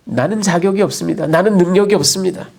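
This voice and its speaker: A man's voice: sits high, quick pace, gravelly, darkish tone. A pastor voicing a fearful young man who protests and complains in a raised, indignant tone. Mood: self-pitying.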